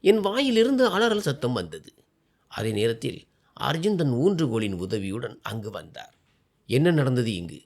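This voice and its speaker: A man's voice: medium pitch, big pitch swings, normal speed, vocal fry, a little mellow. A man narrating a dramatic first-person family story in a scripted storytelling style.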